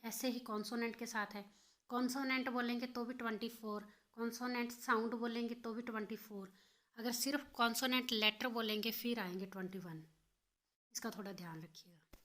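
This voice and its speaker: A woman's voice: on the high side, steady tone, fairly quick, fairly bright tone. A woman teaching an exam-prep phonetics lesson, repeating and rephrasing each point and switching between English and Hindi.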